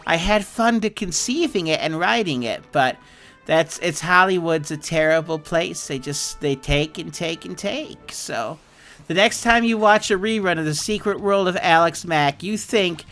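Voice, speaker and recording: A high-pitched, rambling middle-aged woman, put on by a man in an improvised comic bit, her tone bright and edgy as she airs old grievances with an aggrieved, wandering delivery. Faint game music hums underneath. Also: measured pace. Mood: wistful, aggrieved. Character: chatty middle-aged woman, bitter ex-writer.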